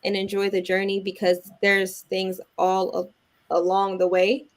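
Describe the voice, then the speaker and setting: Calm, encouraging woman guest. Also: medium pitch, measured pace. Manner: calm and encouraging, speaking thoughtfully. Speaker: talk show guest. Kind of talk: casual interview answers.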